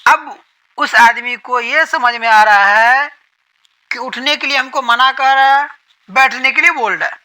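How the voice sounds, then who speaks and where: Man, Quran teacher, explanatory lesson, keeps repeating points, asks and answers himself, sharp bright tone. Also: very high voice, smooth, low-quality recording.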